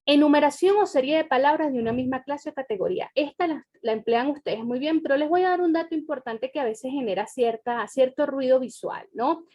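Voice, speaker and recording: A woman's voice: high-pitched, brisk, few pauses, a little mellow. A woman teacher giving a recorded grammar lesson, explaining step by step and checking in with her students.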